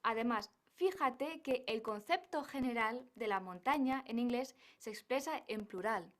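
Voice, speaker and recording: A woman's voice: on the high side, animated, measured pace. A woman teaching an English lesson, drawing out words carefully in pronunciation drills. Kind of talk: language lesson.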